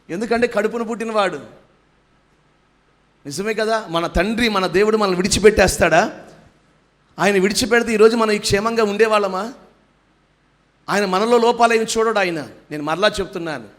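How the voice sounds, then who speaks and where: A man's voice: high voice, a bit bright. A man preaching a sermon as pastor, pressing the congregation with questions and urging them to praise aloud. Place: church hall.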